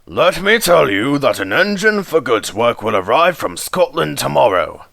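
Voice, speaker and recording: A man's voice: medium pitch, sing-song, normal speed, creaky, fairly bright tone, no room sound, voice pushed up. A man voicing a stern, exasperated railway controller with a commanding, emphatic manner in a storybook reading.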